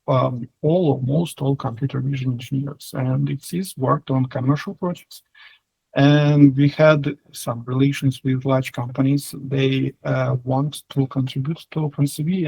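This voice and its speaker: A man with a Russian accent answering interview questions casually, in halting, hesitant phrases. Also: mid-range voice, creaky, a little mellow, husky, dry recording, rough recording. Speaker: software engineer, interview guest.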